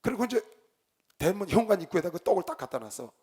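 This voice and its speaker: Animated husky man telling a sermon story. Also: fast. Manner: animated storyteller, shouts quoted lines, drops to low asides. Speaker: pastor.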